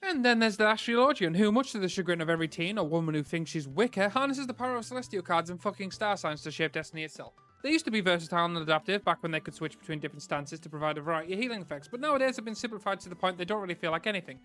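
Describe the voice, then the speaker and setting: Fast-talking crude sarcastic man. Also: sits high, animated, a bit bright, faint music behind. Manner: crude, sarcastic, rapid-fire jokes. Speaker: gaming video host. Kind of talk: scripted comedic voice-over.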